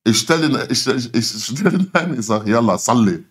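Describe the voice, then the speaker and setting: Hosting a livestream from a small, dimly lit studio, a middle-aged man speaks at moderate pace in a mid-range, slightly bright voice with a breathy edge and lively intonation. His casual chat and animated storytelling use street slang and emphatic repetition.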